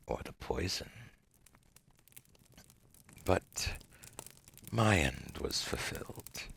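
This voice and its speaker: In an intimate ASMR roleplay, a man voices an ancient demon dealmaker, murmuring in an extremely deep, gravelly voice that often sinks into breathy whispers. He speaks slowly and deliberately, smug and seductive with silky menace and formal, theatrical phrasing. The heavily acted voice carries a slightly bright edge.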